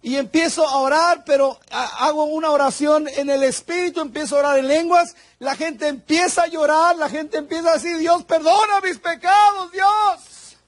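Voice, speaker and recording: A man with a strikingly high voice delivers a fervent sermon, swinging between personal testimony and forceful scripture reading. The sound is dry and close. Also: fairly even intonation, fairly quick, few pauses, dry recording. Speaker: guest preacher. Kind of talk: Pentecostal sermon.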